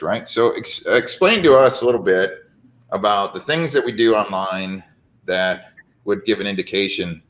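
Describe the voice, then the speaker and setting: Deep-voiced man hosting, salesy. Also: low-quality recording. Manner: energetic salesy talk with many "right?" tags. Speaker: host. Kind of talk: casual business interview.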